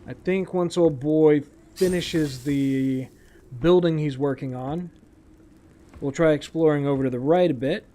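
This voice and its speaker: A man's voice: a little high, unhurried, warm tone. A man casually narrating his own gameplay as a streamer, talking to himself with wry, sarcastic asides.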